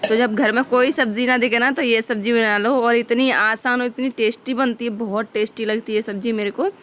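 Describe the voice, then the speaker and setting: A woman's voice: a little high, steady tone, fairly quick, fairly bright tone, a little hiss or hum. A young adult woman chatting homely and directly to viewers as she narrates a casual home vlog. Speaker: vlogger.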